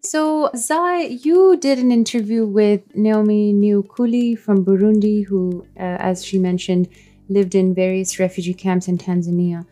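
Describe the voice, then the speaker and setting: A woman hosting a radio show conversationally, with measured, hesitant phrasing. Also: medium pitch, steady tone, dark tone, faint music behind. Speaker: radio host.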